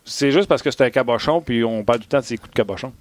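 A man with a Québécois accent hosting a sports show, lively and joking in casual chat. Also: mid-range voice, racing, dry recording.

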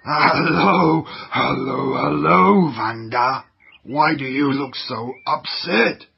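A man's voice: mid-range voice, slow, creaky, slightly rough, dull audio, exaggerated voice. A man voicing a sneering germ villain who hates clean, healthy children, gloating and disgusted in a theatrical way. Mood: sly.

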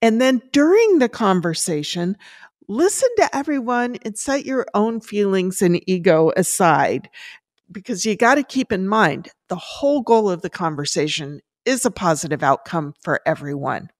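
A woman giving tidy, upbeat step-by-step advice in a prepared yet conversational interview style, stressing key words in a measured way. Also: medium pitch, very animated, no echo, clean studio sound. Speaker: personal finance expert giving advice.

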